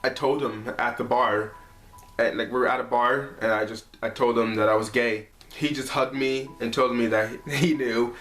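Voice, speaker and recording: A man in his twenties vlogs from his apartment, telling a heartfelt personal story to camera and relying on "like" and "you know." His voice is mid-range and fairly bright, with fairly even intonation at a normal speed. The recording carries room echo and faint music.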